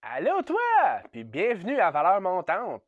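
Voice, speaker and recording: A man's voice: high-pitched, huge pitch swings, moderate pace, muffled recording, loud music behind the voice. A man from Ontario with a Franco-Ontarian French accent, hosting a casual, upbeat vlog and mixing English words into his French. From Ontario, Canada. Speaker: channel host.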